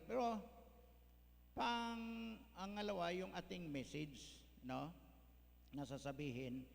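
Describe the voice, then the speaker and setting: A man's voice: on the high side, gravelly. Pastor guy, folksy sermon, bit of a hum and echo in the church. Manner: folksy, mixes English, tags lines with "ano?". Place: church hall. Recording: echoey church hall, faint hum.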